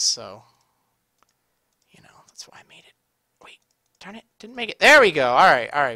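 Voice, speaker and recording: A man's voice: fairly high pitch, pushed and bright, no echo. A man with a slightly strained, tired voice giving casual, explanatory video game tutorial commentary. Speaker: gaming video host.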